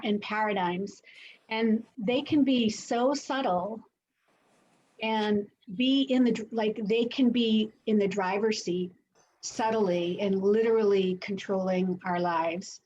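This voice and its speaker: A woman's voice: medium pitch, darkish tone, muffled recording, slight background noise. A woman with a Boston accent hosting an online coaching talk, reflective and searching for her words. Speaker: host and coach. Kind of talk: online lunch-and-learn talk.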